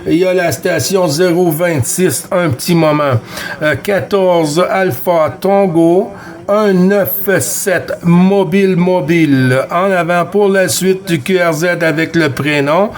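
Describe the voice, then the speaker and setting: Speaking slowly in a high-pitched voice, a man from Quebec, Canada, runs a CB radio contact net with faint music behind him. He comes across as chatty, friendly and polite, and tends to say things more than once.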